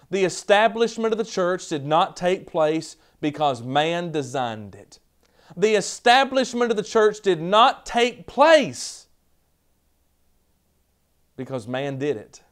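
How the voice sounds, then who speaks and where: A man in his thirties with a Southern American accent, preaching a televised sermon from a studio podium, building to loud emphatic repetitions. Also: a little high. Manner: emphatic, rising to loud repeated declarations.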